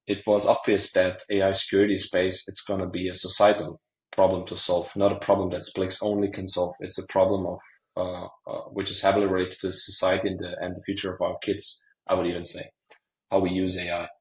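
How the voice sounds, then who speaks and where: A middle-aged man from Croatia, a startup founder, answering interview questions in a halting way with many fillers. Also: low voice, completely flat delivery, roomy sound, low-quality recording.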